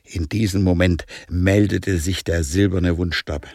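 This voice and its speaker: A man reads a sci-fi adventure story aloud with playful, lively expression. His voice sits rather low, and the recording is dry and close with no room sound. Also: measured pace, no room sound. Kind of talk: audiobook narration.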